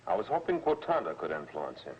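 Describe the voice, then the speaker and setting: A man's voice: sits low, wildly swooping pitch, fast. A man playing an earnest spaceship scientist in a 1950s sci-fi serial, speaking formally. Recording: dull old film soundtrack, faint noise.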